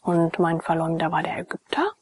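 A woman's voice: low voice, animated, fairly quick, a little mellow, breathy edge, pitched below the performer's own voice. A woman reading as an earnest young nobleman.

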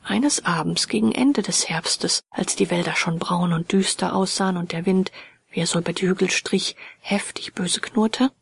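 A woman narrating a fairy tale in a soft, hushed, whispered reading. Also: lowish voice, moderate pace, no echo. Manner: soft, hushed and breathy delivery.

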